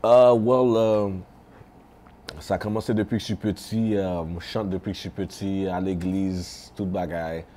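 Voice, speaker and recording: A man, a singer guest in a casual interview, relaxed and switching often between French and English. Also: deep voice, moderate pace, slight background noise.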